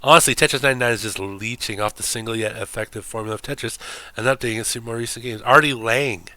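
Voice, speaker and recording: A man's voice: mid-range voice, fast, bright, forceful tone, no room sound. A man streaming games, talking in a rambling, profane, casual way and laughing often.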